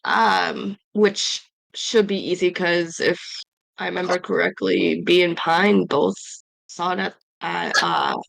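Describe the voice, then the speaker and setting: A woman's voice: fairly low pitch, steady tone, slow, creaky, fairly bright tone, dry recording, rough recording. A woman recapping her character's adventures from a tabletop game session at home, rambling with many fillers and self-corrections.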